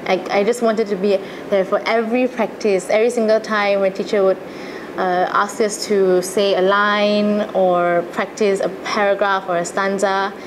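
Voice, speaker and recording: Young woman, Malaysian accent, medium-pitched voice, earnest casual interview talk, noisy ambient recording. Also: little pitch movement, moderate pace. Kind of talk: casual interview, personal recollection. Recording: noticeable background noise and ambience.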